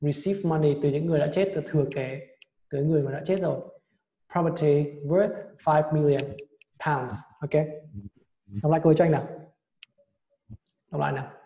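A man teaching English vocabulary and correcting a student's pronunciation in a brisk, prompting way. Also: fairly high pitch, steady tone, dark tone. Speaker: English tutor. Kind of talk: vocabulary lesson with drills. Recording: echoey room with long reverb.

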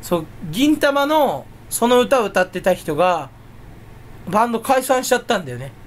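A man's voice: high-pitched, big pitch swings, normal speed. A man chatting alone to camera as a YouTuber, rambling and self-mocking as he jumps between topics. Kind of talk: casual solo chat.

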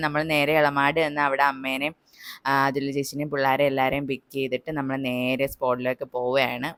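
Low-voiced chatty young woman vlogger. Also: dry recording, studio quality. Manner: chatty, often adds "you know" asides to viewers. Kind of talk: casual vlog narration.

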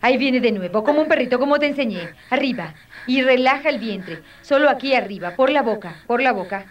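An actress playing an experienced mother who calmly coaches a young woman through childbirth, patient and firm. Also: on the high side, fairly quick, far from the mic, dull audio, a crowd in the background, lightly acted. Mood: soothing. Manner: soothing, patient, firmly coaching. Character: calm experienced mother acting as midwife. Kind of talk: dubbed telenovela acting.

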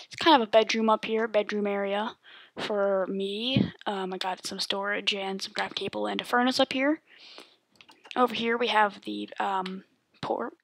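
A woman's voice: medium pitch, normal speed, vocal fry, dry recording. A woman giving a casual, rambling voice-over tour of her game world, with lots of ums and likes. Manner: relaxed, rambling with many ums.

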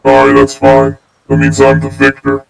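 A man talking through a voice changer, in character as a roleplayer in a fighting tournament, with a flat, dry, terse way of talking. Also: mid-range voice, normal speed, echoey room, far from the mic, low-quality recording.

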